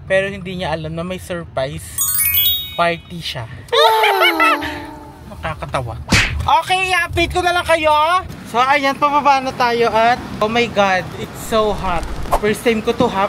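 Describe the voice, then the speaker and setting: Vlogger, chatty and excitable, cracks jokes, mid-pitched voice, handheld phone audio with loud traffic behind. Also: normal speed. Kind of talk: casual vlog chat. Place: outdoors on city streets and in a phone shop. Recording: busy street noise. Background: traffic noise.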